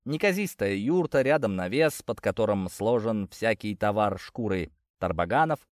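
An audiobook narrator reads an adventure story aloud at a moderate pace in clean studio sound with no room echo. He is lively, shifting his pitch to voice the different characters in dialogue.

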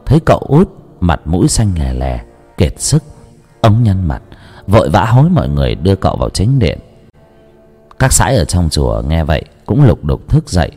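A man narrating a horror story in a dramatic, brisk telling. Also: low voice, mellow, husky.

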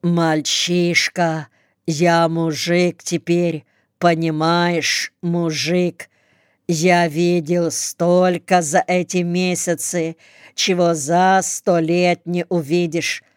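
Curt young soldier back from the front, commanding and quick to flare up, slow deliberate delivery, smooth tone, close and dry, as a woman reads him in an audiobook. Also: on the low side, flat delivery, dry recording. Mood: gruff. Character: young male soldier home from the front, curt and hot-tempered.

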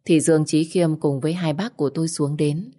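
A woman's voice: low voice, steady tone, brisk, mellow. A woman narrating a first-person story in an earnest, mournful way.

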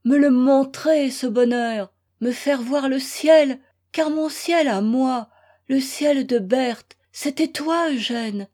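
A woman's voice: fairly high pitch, little pitch movement, takes it slowly, hardly any pauses. A woman voicing a heartbroken young wife, under eighteen, who pleads tearfully with her husband. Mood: pleading.

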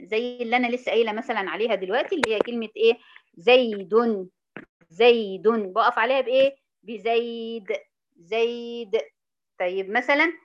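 A woman with an Egyptian Arabic accent teaching a Quran recitation lesson, asking her students questions and drawing out the example words slowly. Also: on the high side, highs cut off. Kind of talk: informal tajweed lesson.

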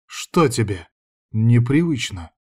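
A woman's voice: rumbling low, sing-song, slow, a little mellow, breathy edge, full character voice. A man reading an audiobook, voicing a bitter ex-wife who sneers and shrieks. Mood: mocking.

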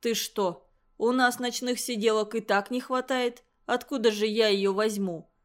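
A woman reading the lines of a grieving middle-aged male village doctor, speaking in pained, halting phrases. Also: on the high side, fairly even intonation, close to an everyday voice. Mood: irritable.

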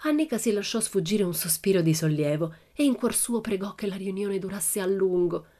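A woman reading a children's story aloud as an audiobook in a lively, expressive storytelling manner. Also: mid-range voice, normal speed. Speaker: audiobook reader.

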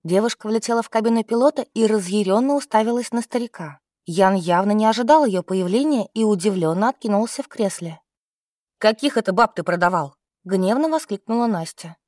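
A woman narrating an audiobook in a steady, expressive reading style. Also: medium pitch, fairly quick, hardly any pauses, no room sound, studio quality. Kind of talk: scripted narration.

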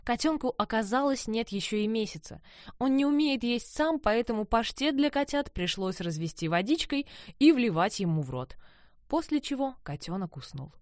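A woman reads her own story aloud as a mother, in an expressive storytelling manner. Her fairly high voice rises and falls a lot. She is recorded close on a dry mic with no room sound. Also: normal speed, no room sound. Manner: lively, storytelling with varied intonation. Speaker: narrator, mother. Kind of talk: expressive audiobook narration.

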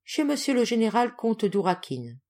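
A woman reading aloud as a calm, kindly gentleman with a gentle, reassuring manner. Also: high-pitched, moderate pace, voice pushed up.

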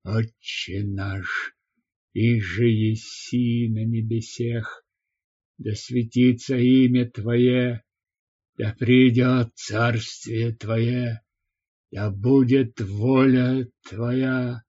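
A man's voice: medium pitch, flat delivery, extremely slow, a little mellow, slightly rough, lo-fi sound. A man doing a humbled old army commander. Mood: subdued. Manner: subdued, muttering. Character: humbled one-legged male army commander.

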